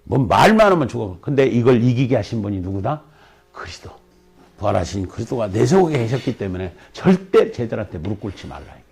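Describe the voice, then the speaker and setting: 중년 남성 목사가 새벽 예배에서 설교하며, 수사적 질문을 던지고 강하게 꾸짖듯 말한다. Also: male voice, mid-range voice, sing-song, a little fast, creaky, darkish tone, breathy edge. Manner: emphatic, scolding preaching with rhetorical questions. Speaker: pastor. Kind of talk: sermon.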